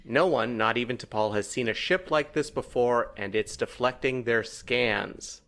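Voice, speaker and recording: Male podcast host, casual recap, wry, mid-pitched. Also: unhurried, fairly bright tone. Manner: wry, laughs through his own jokes.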